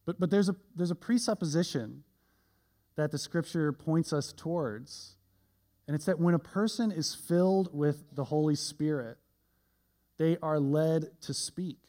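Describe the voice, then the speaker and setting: A man's voice: fairly high pitch, a little slow, warm tone. A male pastor giving a conversational sermon with self-deprecating humor, often tagging his points with "right?".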